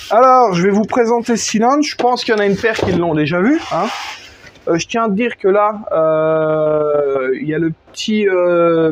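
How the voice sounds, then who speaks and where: A man with a fairly high voice chats casually to his viewers while working on an engine outside under a gazebo. He talks loosely in slang, with frequent fillers and restarts, addressing the viewer directly. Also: a little hiss or hum. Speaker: moped tuning vlogger. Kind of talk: casual workshop vlog. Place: outdoors under a gazebo in front of his house.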